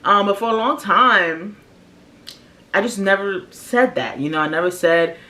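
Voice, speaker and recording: With a mid-range, bright voice and a forceful tone, this early-30s American vlogger speaks at a measured pace. She shares casual personal reflections with her viewers, candid and full of slang.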